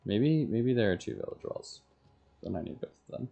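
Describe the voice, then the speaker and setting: A lowish, gravelly yet mellow male voice swings widely in pitch at a moderate pace. Streaming a game alone, he thinks aloud in short murmured fragments.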